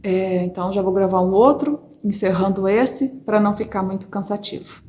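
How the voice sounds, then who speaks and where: A woman with a Brazilian Portuguese accent, telling her personal faith testimony to viewers in an expressive, chatty way from a corner of her home. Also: medium pitch, moderate pace, slight background noise. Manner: expressive storyteller, addresses viewers as brothers. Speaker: testimony speaker. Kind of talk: personal religious testimony, casual.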